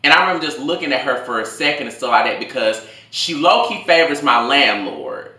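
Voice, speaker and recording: A man in his late twenties telling a casual, rambling story in slangy, animated talk as a food vlogger. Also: medium pitch, fairly quick. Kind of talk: casual storytime told over a meal. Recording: echoey room.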